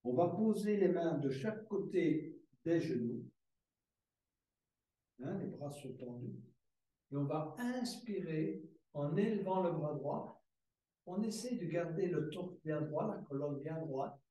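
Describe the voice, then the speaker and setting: A calm male yoga teacher talks a class through breathing and stretches, repeating his cues softly and slowly. His voice is mellow and sits a little high for a man. He sounds far from the mic in a very echoey room. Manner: calm, slow step-by-step breathing cues with soft repetitions. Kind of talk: guided yoga class instruction.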